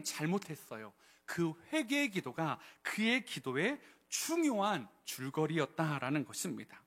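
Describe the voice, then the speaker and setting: Lively, high-voiced male preacher. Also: breathy edge. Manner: lively preaching with questions to the congregation. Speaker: pastor. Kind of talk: sermon.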